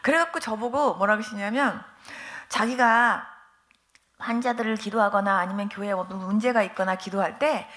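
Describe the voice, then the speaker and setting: A woman's voice: medium pitch, moderate pace, fairly bright tone. A middle-aged woman pastor giving a testimony sermon at a church revival meeting, telling stories with animation and acting out the voices of the people she quotes. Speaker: guest pastor.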